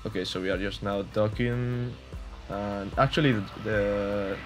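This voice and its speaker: An unhurried, steady male voice on the low side speaks over music. The young man is from Spain and has a Spanish accent; as a gaming YouTuber he offers casual gameplay commentary that keeps restarting and leaning on fillers.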